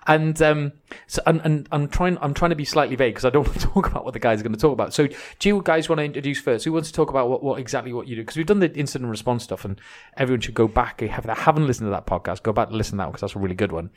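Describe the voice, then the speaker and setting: Fast-talking Welsh podcast host. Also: male voice, mid-range voice. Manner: chatty, jokey, restarts his sentences. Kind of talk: casual podcast chat.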